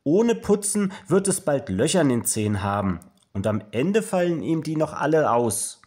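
A man's voice: big pitch swings, measured pace, darkish tone. A man voicing a worried, strict mother in a children's storybook, in a raised voice full of fussing questions. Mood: scolding. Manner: high, fussing, alarmed questions.

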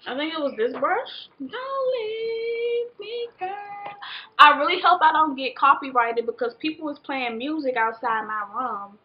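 Tipsy young American woman, higher-pitched voice. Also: highs cut off. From Washington, D.C., United States. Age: 20s. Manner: tipsy, drunk rambling, losing the thread; animated exclamations and drawn-out words. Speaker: vlogger. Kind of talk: casual storytime chat while doing makeup. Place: small bedroom, indoors. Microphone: camera a short distance away.

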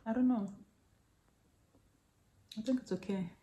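A woman's voice: on the high side, a little slow, warm tone. A young woman chatting to her camera at home, rambling with fillers and small laughs. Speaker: vlogger. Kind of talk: casual chat to camera. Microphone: camera mic.

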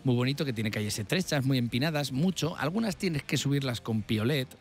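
A man telling a funny personal story on a morning radio show, animated and laughing at his own jokes. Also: medium pitch, brisk. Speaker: radio comedy contributor. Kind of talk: comic anecdote on morning radio.

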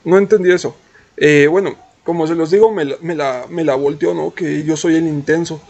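A young man with a Mexican accent telling a story in a slangy, animated, mocking way. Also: a little high, normal speed, vocal fry. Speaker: streamer and vlogger. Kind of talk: casual storytime.

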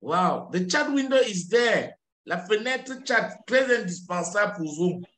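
High-voiced patient man tutoring over a video call. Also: big pitch swings, unhurried, fairly bright tone. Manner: patient, corrects and repeats phrases, switches to French to explain. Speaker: English tutor. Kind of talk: online English lesson. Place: small office with tiled walls. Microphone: webcam on a video call. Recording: roomy video-call audio.

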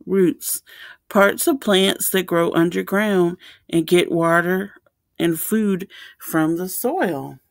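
As a storytime host, a woman reads a children's picture book aloud, explaining things simply and deliberately for young listeners. Her voice is on the low side and gravelly.

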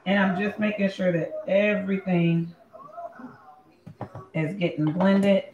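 A woman from Puerto Rico walks viewers through a recipe in her home kitchen, taking her time and chatting as she cooks, sometimes trailing off or chewing between sentences. Her unhurried voice rings off the hard kitchen walls, with a faint hum of ambient noise behind it. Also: medium pitch, fairly even intonation, echoey room, lo-fi sound. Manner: chatty, talks while cooking and chewing, drifts off mid-sentence. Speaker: home cook host. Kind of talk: casual cooking demonstration.

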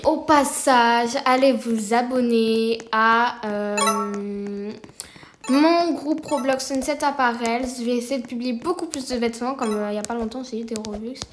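A woman chatting through her gameplay, rambling easily and breaking into sudden excited exclamations. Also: a little high. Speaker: gaming video creator. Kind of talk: gameplay commentary.

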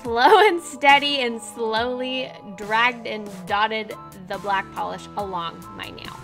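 A young beauty vlogger in her twenties takes her time narrating a nail art tutorial from her bedroom, with music in the background. Her fairly high voice stays upbeat, broken up by self-deprecating remarks.

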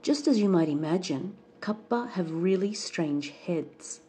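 A woman's voice: on the low side, lively intonation, measured pace, dark tone, a little hiss or hum. A woman doing a gawking village man. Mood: curious. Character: curious gossiping village man.

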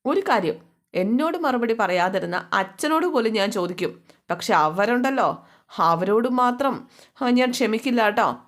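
A woman's voice: fairly high pitch, animated, moderate pace, lightly acted. A woman voicing a short-tempered young wife who complains sharply and indignantly.

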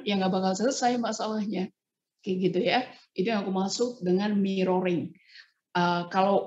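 A woman trainer giving a casual online training talk, acting out short example dialogues as she explains. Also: mid-range voice. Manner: lively, acts out example dialogues. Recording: roomy, dull lo-fi sound.

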